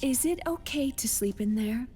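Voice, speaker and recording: An actress playing a gentle, compassionate woman with a hesitant, measured manner in a video game. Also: on the high side, expressive, close to an everyday voice. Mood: shy, gentle. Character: gentle, compassionate adult woman, reserved and tactful. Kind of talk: cinematic video game voice acting. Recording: music behind the dialogue. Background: background music.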